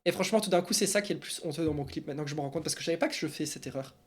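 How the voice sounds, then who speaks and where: A man's voice: fairly high pitch, rapid-fire, breathy edge. A man, streaming esports news and answering viewers in casual, rambling chat full of fillers. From Belgium. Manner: chatty and animated, rambling with many fillers.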